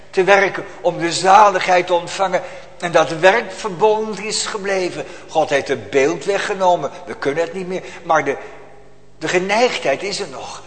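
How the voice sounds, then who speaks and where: A man's voice: high voice, a bit bright. A man preaching a solemn, emphatic sermon to his congregation in a church. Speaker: pastor. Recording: long church hall reverb.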